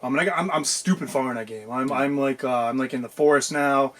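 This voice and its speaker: A man co-hosting a casual podcast chat, talking in a rambling, animated way with lots of fillers and restarts. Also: medium pitch, fast. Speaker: podcast co-host.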